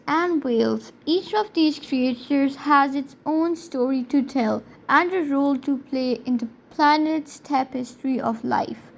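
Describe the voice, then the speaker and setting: A woman reading scripted documentary narration as host of a nature video, in an earnest, presentational manner. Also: sits high.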